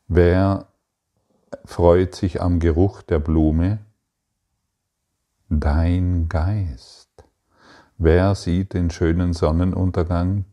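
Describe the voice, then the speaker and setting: A man giving a spiritual teaching, reading passages aloud and answering his own rhetorical questions in a deliberate way. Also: low-pitched, warm tone.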